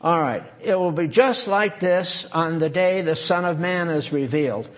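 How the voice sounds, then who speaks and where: A man's voice: a little high, normal speed. An older man teaching from the Bible in a conversational, off-the-cuff way, reading verses aloud and then explaining them with asides. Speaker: preacher. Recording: dull lo-fi recording.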